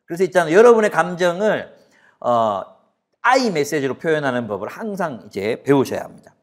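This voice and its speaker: A male pastor in his forties delivers a sermon to students. His voice sits fairly high for a man and swings widely in pitch. He keeps throwing questions at the room and briefly acts out bickering scenes. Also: fairly quick. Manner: animated, asks the audience questions, acts out quarrels.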